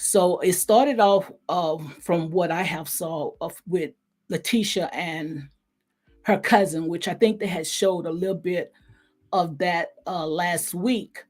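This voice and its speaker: Slightly hoarse and fairly low in pitch, this woman's darkish voice carries her loose, meandering commentary as a recap show host. She talks in a heartfelt, chatty way and tends to repeat herself.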